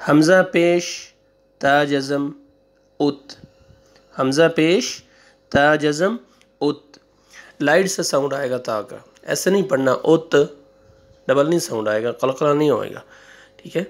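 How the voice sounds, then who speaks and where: A man with a Pakistani Urdu accent teaching a Quran reading lesson, slowly drawing out syllables for pupils to repeat and then adding quick explanations. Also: fairly high pitch. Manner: slow, drawn-out drilling of syllables with quick asides. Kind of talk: online recitation lesson.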